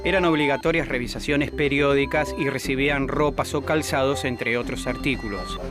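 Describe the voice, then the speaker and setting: A man reading a scripted educational narration in a steady, informative way. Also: medium pitch, moderate pace. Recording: music bed under the voice.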